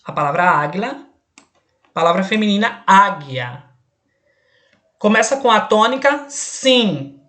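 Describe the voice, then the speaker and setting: Patient and explanatory, this woman leads an online exam-prep Spanish class in a medium-pitched, fairly bright voice with lively intonation. She speaks slowly and frequently checks understanding with "perfeito?".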